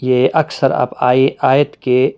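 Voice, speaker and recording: A man teaching a Quran reading lesson, explaining patiently with pauses and drawn-out fillers. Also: medium pitch, level tone, smooth, lo-fi sound.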